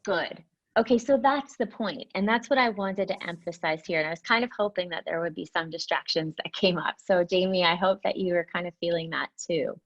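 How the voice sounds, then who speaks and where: Gravelly-voiced woman teaching mindfulness. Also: fairly low pitch, a little fast. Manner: gentle, reflective, often asks "right?". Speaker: meditation teacher. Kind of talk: guided mindfulness class. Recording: dull lo-fi call audio.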